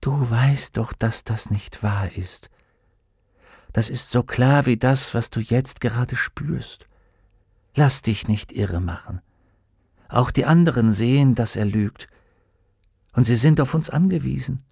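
A man reading a determined young boy in an audiobook, speaking with soft but firm, hushed urging. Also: mid-range voice, slow pace, vocal fry, long pauses, husky, no room sound, studio quality, exaggerated voice. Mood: reassuring.

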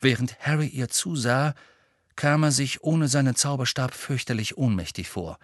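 A man narrating a storybook in an expressive, animated reading. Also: medium pitch, normal speed, no room sound, clean studio sound. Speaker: audiobook narrator. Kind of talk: scripted narration.

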